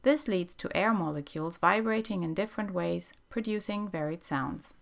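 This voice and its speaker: Calm lower-voiced woman narrating a lesson. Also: vocal fry. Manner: calm, measured instructional delivery. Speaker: voice trainer narrating for teachers. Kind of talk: scripted educational narration.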